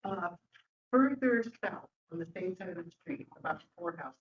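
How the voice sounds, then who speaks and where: A woman, a board member, chatting casually around a meeting table in quick, broken phrases. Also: fairly low pitch, animated, narrow, tinny audio, a little hiss or hum. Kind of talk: casual chat before a meeting. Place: meeting room.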